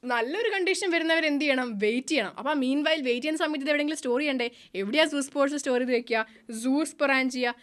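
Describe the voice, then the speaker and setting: A woman's voice: high-pitched, a bit bright. A woman with a Malayali accent teaching a biology class, mixing in English terms and asking the students questions she answers herself. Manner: mixes English terms into her speech. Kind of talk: online class lecture.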